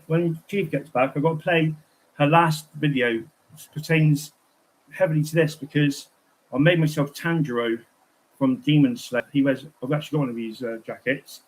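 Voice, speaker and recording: A man's voice: a little high, poor audio. A man chatting casually on a livestream, telling rambling, digressive stories.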